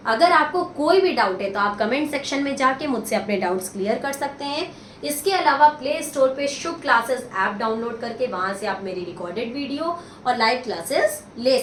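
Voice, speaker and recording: A woman teaching a maths lesson step by step, counting sums out loud and answering her own questions. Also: fairly high pitch, distant mic. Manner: counts out sums aloud, mixing in English. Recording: echoey room, voice from off the mic, steady noise.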